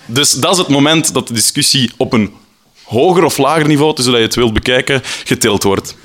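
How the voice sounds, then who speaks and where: A man with a Flemish accent telling a personal anecdote in a lively way, acting out the people in it. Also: mid-range voice, fairly quick. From Flanders. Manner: lively, acts out the people in his story. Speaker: storyteller.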